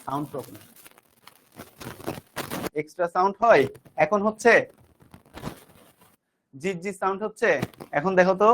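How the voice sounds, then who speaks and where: Guy teacher, kinda high voice, repeats stuff and keeps asking the class if it's clear. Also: animated, measured pace, pauses often, slight background noise. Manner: repeats definitions and quizzes students with questions; talks to students directly and warmly checks understanding. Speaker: physics teacher. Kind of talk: online class lecture.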